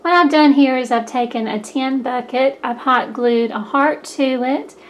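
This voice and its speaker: A middle-aged woman with a Southern US accent, hoarse from a cold, chatting through a crafting tutorial with lots of fillers. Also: on the high side. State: hoarse, losing her voice. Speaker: craft channel host.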